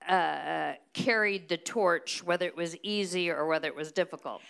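A middle-aged American woman preaching at a conference in short, deliberate phrases, pausing for an interpreter. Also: on the low side, creaky, fairly bright tone, clean tone. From United States. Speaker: guest preacher.

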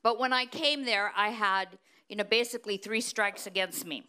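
A middle-aged American woman preaching at a conference in short, deliberate phrases, pausing for an interpreter. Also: mid-range voice, sharp tone. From United States. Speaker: guest preacher.

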